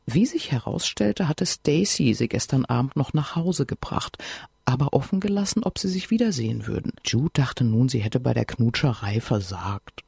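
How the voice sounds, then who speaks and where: Wry, animated woman reading a diary. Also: very deep voice, moderate pace, creaky, husky, no room sound, clean studio sound. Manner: wry, self-mocking, lively diary reading. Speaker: audiobook narrator. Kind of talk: first-person diary narration.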